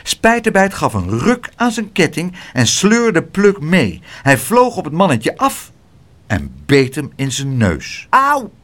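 A man reading a children's story aloud in an expressive, sing-song way. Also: fairly high pitch, slow pace. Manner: lively, sing-song narration. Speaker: audiobook reader.

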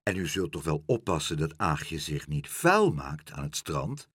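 A man's voice: very deep voice, very animated, measured pace, fairly bright tone, breathy edge, no echo, studio quality, pitched below the performer's own voice, heavily acted. A man doing a prim, fussy housewife. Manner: prim, shocked, easily indignant. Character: fussy middle-aged woman obsessed with cleanliness.

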